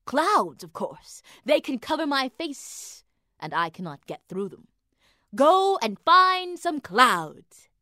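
A proud, booming sun, played by a woman reading a storybook, boasting in a loud, drawn-out and grand manner. Its pitch swings up and down as it brags, slow and deliberate. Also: sing-song, dry recording, studio quality, full character voice. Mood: boastful.

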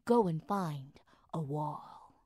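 A woman voicing a breathy, whispering wind. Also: sits low, animated, takes it slowly, warm tone, no echo, studio quality, voice pushed down, full character voice. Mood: sweeping. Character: great blustery wind, airy and sweeping.

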